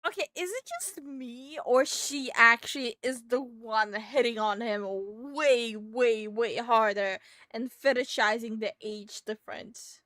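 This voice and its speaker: A woman's voice: on the high side, unhurried, hardly any pauses, sharp tone, no echo. A woman streamer giving casual reaction commentary, blunt and swearing in disbelief. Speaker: VTuber streamer reacting to a video.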